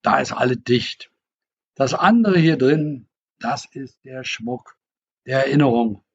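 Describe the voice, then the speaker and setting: A man voicing a hearty, teasing old fisherman who talks in a booming, folksy dialect, on a dull lo-fi recording. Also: unhurried, breathy edge. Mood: brooding.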